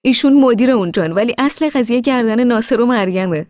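A woman's voice: on the high side, expressive, no echo, studio quality, voice pushed up, natural voice. A woman voicing an exasperated scolding brother. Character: irritated adult brother, bitter and sharp-tongued.

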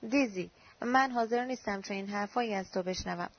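A woman's voice: mid-range voice, lightly acted. A woman reading the lines of an anxious, lonely man who pleads earnestly with the woman he loves. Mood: insistent. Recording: dull lo-fi recording.

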